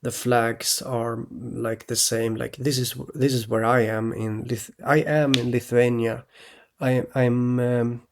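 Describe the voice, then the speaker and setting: A man from Sweden, rambling in a halting monologue to his viewers, restarting often and tagging "okay?" onto his points. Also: mid-range voice, level tone. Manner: halting, many restarts, keeps adding "okay?". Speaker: vlogger.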